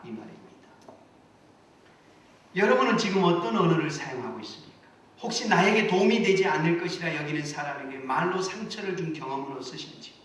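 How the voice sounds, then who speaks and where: A man preaches with earnest conviction, building to emphatic calls to his congregation. His voice sits a little high for a man. The recording is distant and bathed in heavy church reverb, with faint noise underneath. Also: a bit bright. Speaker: senior pastor. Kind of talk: sermon. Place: church sanctuary. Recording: echoey church hall, mic at a distance.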